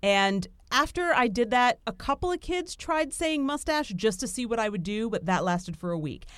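A woman hosting a podcast, telling stories in a lively casual chat with lots of fillers. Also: fairly high pitch, moderate pace, clear, resonant tone, dry recording, studio quality. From Italian heritage. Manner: animated, storytelling with frequent fillers. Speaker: podcast host. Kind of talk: casual conversation.

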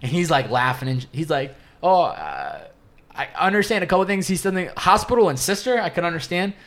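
A man on a podcast, a rideshare driver telling an anecdote in a relaxed way and acting out what people said. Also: a little high, fairly quick, a little hiss or hum. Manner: animated storyteller who acts out quotes. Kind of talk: casual storytelling chat.

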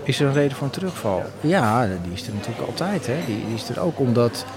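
A man speaking frankly and haltingly as an interview guest. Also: medium pitch, expressive, over music. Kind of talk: candid interview talk.

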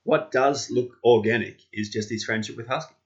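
A man's voice: medium pitch, normal speed. A man talking casually as a podcast co-host. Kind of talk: casual chat. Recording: dull, lo-fi sound.

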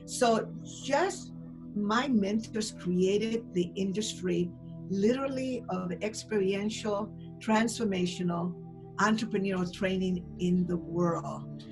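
Enthusiastic older woman with a Chilean accent, interview guest, music bed clearly under her. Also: mid-range voice, slow, low-quality recording. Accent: Chilean Spanish. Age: 60s. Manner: enthusiastic, storytelling, many fillers. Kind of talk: interview answers.

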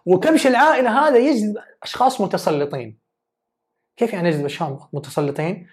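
A woman gives an earnest motivational talk on self-development. She talks quickly and emphatically. Her voice sits in an ordinary middle register. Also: medium pitch, a little mellow.

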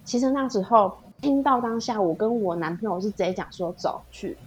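A woman's voice: medium pitch, brisk, lo-fi sound. A woman with a Taiwanese Mandarin accent, a podcast guest telling an emotional personal story in casual chat, animating it by acting out what people said. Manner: animated storytelling, acts out quoted dialogue. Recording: faint background noise.

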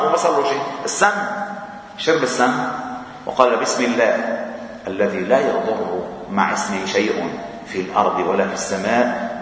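A man with a Levantine Arabic accent preaches in a casual, conversational way, often chuckling and tossing out questions to his listeners. His voice booms around a large, echoing hall with a long reverb tail. He sounds set back from the microphone. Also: a bit bright. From Lebanon. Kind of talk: informal mosque talk. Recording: echoey hall, mic far off.

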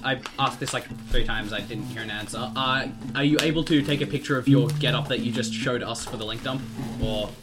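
A man's voice: mid-range voice, a little fast, loud music behind the voice. A young man hosting a casual podcast chat, teasing his friends, swearing a lot and laughing easily. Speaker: podcast host. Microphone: shared studio mic.

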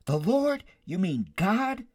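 Man doing a frantic man stuck on a cliff, yelling high, panicked, very dry sound. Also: very animated, slow, breathy edge, no room sound, full character voice. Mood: frantic pleading. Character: terrified man dangling from a cliff.

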